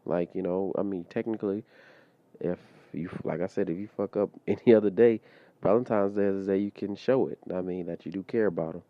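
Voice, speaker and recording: A man with a very low, deep voice talks off the cuff on his solo podcast, looping back with fillers and asides. His comes through in a relaxed, conversational flow. The audio is a bit dull and lo-fi. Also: fairly quick, dry recording. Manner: loose conversational, many fillers like "you know what I mean". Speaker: podcast host. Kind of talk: casual solo podcast monologue.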